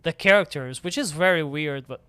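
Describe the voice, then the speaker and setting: A man's voice: on the high side, normal speed, bright, forceful tone, clear, resonant tone, dry recording. A young man streaming a video game live, chatting casually and rambling with lots of filler words. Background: faint game music.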